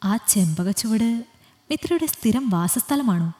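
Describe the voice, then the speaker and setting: A gentle young man, as a woman narrator plays him, speaking softly and asking more than telling. Her reading voice stays close to her own. A long echo hangs behind. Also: on the high side, animated, measured pace. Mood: tender.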